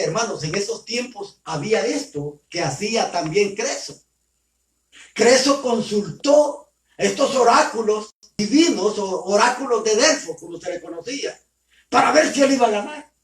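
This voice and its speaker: A man preaching, retelling a scripture story in an animated way and speaking directly to his listeners as brothers. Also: sits high, measured pace. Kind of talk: sermon storytelling. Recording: roomy sound from far off.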